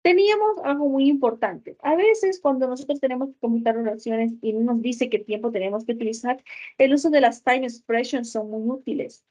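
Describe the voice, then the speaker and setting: A woman teaching an English grammar lesson, explaining step by step and often checking with a quick "ok?". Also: on the high side, a little mellow, lo-fi sound. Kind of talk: recorded school lesson.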